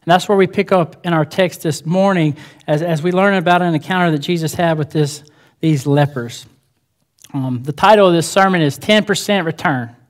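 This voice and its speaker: A man's voice: a little high, normal speed. A male pastor preaching a sermon in a church, earnest and emphatic, repeating his key phrases.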